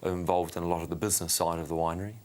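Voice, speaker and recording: A man with a New Zealand accent, an interview guest explaining and storytelling conversationally in halting, unhurried short phrases. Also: sits low, little pitch movement, a little mellow, slight background noise. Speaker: winery general manager, interview guest.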